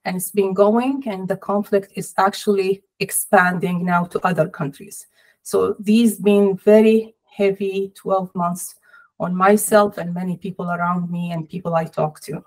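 A middle-aged woman talks over a video call from a small room. She speaks as an interview guest in a measured, sorrowful way, pausing often between thoughts. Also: mid-range voice, fairly even intonation, a little mellow, rough recording. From Palestinian, family in Jordan. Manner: measured, sorrowful, deliberate pauses. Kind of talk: personal interview. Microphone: laptop or webcam on video call.

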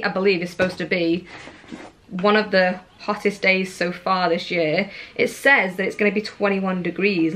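Chatting straight to the camera from her living room, a young vlogger in her twenties wanders from thought to thought, peppering her speech with "like" and "um." She has a fairly bright, mid-range voice.

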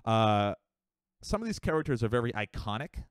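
A young man chatting casually on a live stream, rambling with fillers and quick asides. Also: medium pitch, sing-song, clear, resonant tone, no echo, studio quality. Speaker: livestreamer.

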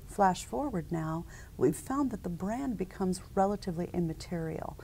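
At a conference set, a woman in her forties who founded a company responds to an interviewer in a businesslike, measured way, often saying um and uh. She has a lowish, creaky, mellow voice with lively intonation, and the lapel mic adds a little hiss or hum.

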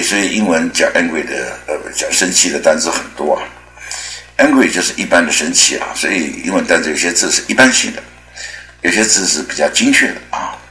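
A man teaching English pronunciation in a chatty, rambling way, with many drawn-out filler particles. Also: low voice, pushed and bright, echoey room, poor audio. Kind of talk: spoken language lesson.

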